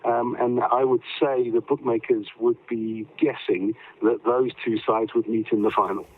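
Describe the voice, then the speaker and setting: A man's voice: mid-range voice, little pitch movement, normal speed. Man on a tinny video-call line. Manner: hesitant, with many fillers and restarts. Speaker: rugby commentator. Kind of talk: remote news interview. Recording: tinny phone-like call audio.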